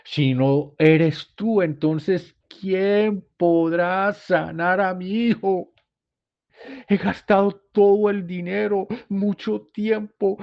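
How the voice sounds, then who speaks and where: A desperate father cries out in a strained, high, pleading voice, as a preacher acts him out mid-sermon. He begs urgently, his voice lifted well above a normal speaking pitch. The recording sounds dull and lo-fi. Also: fairly even intonation, slow pace, creaky, exaggerated voice. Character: desperate grieving father, a royal official.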